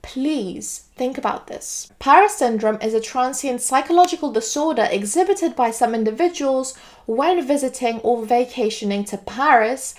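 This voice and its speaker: A woman's voice: high-pitched, expressive, normal speed. A woman from Greece delivering an earnest, lecturing monologue. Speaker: political video commentator. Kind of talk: scripted monologue to camera.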